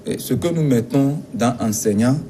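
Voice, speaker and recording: This interview features a Togolese teachers' union representative with a dark-toned, mid-range voice. He answers firmly and deliberately, pausing at times, and a little hiss or hum is audible.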